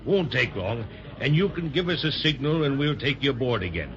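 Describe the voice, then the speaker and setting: A man's voice: mid-range voice, very animated, a little fast, crowd noise, lightly acted. A man playing a jovial, courteous candy pirate captain, hearty and nautical, in a 1930s children's radio serial. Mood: genial. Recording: dull 1930s radio recording with background babble.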